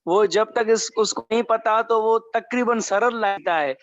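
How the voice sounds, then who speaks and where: A man's voice: sits high, unhurried, fairly bright tone, lo-fi sound. A man politely asking his teacher a question during an online class, in hesitant run-on phrasing. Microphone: video call.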